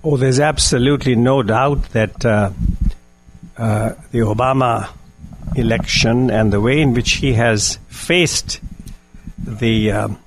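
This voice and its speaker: An older man with an Indian accent giving reflective answers at a public talk, measured and solemn with long deliberate pauses. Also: medium pitch, slight background noise, poor audio. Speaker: guest speaker.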